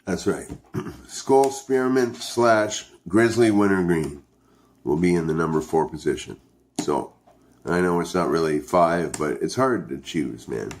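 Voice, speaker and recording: A man's voice: low voice, unhurried, a little hiss or hum. A man from Canada chatting casually to his viewers as a vlog host, hesitant and thinking aloud as he goes. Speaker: video host reviewing dipping tobacco. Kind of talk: casual, rambling vlog chat.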